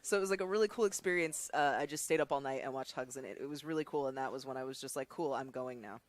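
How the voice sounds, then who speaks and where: A woman's voice: extremely low pitch, quick pace. A woman with a Californian accent co-hosting a charity stream, chatting casually, laughing often and reading out donations. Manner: giggly, reads out donations. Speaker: stream co-host.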